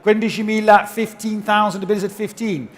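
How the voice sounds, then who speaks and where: A man's voice: sits high, fairly even intonation, brisk. A man working as an auctioneer, calling bids in a repetitive chant at a live auction and switching between languages. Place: auction room.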